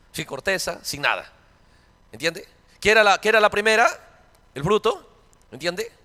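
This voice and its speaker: A man preaching a fervent sermon, often asking his congregation if they understand and shouting at high points. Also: long reverb tail. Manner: fervent, repeats "¿Entiende?" to the congregation, shouts at peaks. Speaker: pastor.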